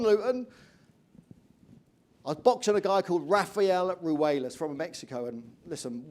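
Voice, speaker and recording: A middle-aged English man giving an energetic motivational keynote speech, telling stories and asking the audience questions. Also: fairly high pitch. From England. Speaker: motivational speaker.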